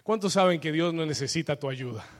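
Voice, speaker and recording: A man's voice: fairly high pitch, animated, fairly quick. A man preaching a sermon as pastor, emphatic and repetitive, in a church. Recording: long hall reverb.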